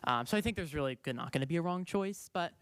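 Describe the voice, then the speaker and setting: A young man gives his committee report at a school board meeting in a loose, halting way, full of ums and restarts. His voice is bright and smooth. The sound is close and dry. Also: fairly high pitch, lively intonation, dry recording. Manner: casual, halting with many fillers. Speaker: student board trustee.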